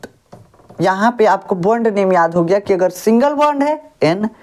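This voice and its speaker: A woman's voice: medium pitch, expressive, moderate pace, a little mellow. A woman teaches a school chemistry lesson. She talks to her students like family and calls them babu. She keeps asking the class questions and answering them herself. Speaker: science teacher.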